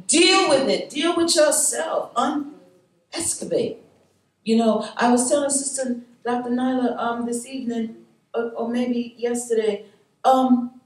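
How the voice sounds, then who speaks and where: Woman, higher voice, animated preachy talk, echoey room, heard from a distance. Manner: animated, preachy, laughs often, calls out to the audience. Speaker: roundtable speaker. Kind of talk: spirited talk to a live group. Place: meeting room with an audience.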